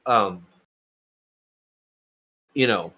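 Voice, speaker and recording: A man's voice: lowish voice, very slow, bright, forceful tone, slight background noise. A young man running a tabletop game, casual and rambling with many fillers. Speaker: game master.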